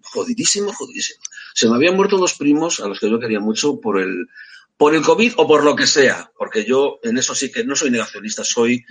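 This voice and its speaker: A husky-voiced man, talking as a guest in a casual round-table chat. He is emphatic and repetitive, circling back to the same words with plenty of fillers. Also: mid-range voice, expressive, brisk. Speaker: guest, rock musician. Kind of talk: casual talk-show chat.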